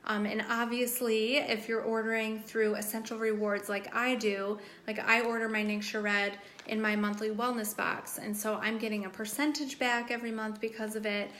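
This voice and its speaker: A woman's voice: fairly high pitch, level tone, moderate pace, hardly any pauses, a bit bright, slight background noise. A woman hosting a casual live stream Q&A, chatty and enthusiastic with lots of fillers, her voice starting to give out. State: losing her voice. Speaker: live stream host promoting a wellness drink.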